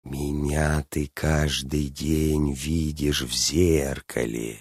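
A cunning storybook dragon, put on by a man, creeps through each word with a slow, lisping hiss. The voice sinks low and hushed, husky at the edges. It is recorded close and dry, with no room around it. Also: fairly even intonation, dry recording, full character voice. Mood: sly. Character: sly lisping male dragon in a dungeon.

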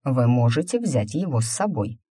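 A woman voicing a calm, smooth-talking male mage who stays unruffled and speaks in an ingratiating way, in a story read aloud. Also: a bass voice, no room sound, clean studio sound, heavily acted. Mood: composed. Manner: unhurried, imperturbable, ingratiating.

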